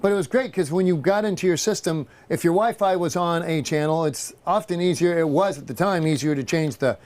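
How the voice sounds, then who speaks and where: Man, high voice, co-host, casual tech chat, joking asides. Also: a little fast, darkish tone. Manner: chimes in with quips and asides. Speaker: webinar co-host.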